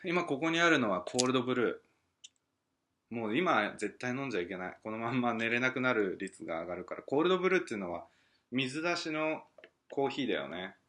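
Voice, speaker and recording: A man hosting a casual solo podcast at home at night, rambling and musing aloud as he reads listener mail, with soft chuckles. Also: mid-range voice, lively intonation, brisk. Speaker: podcast host.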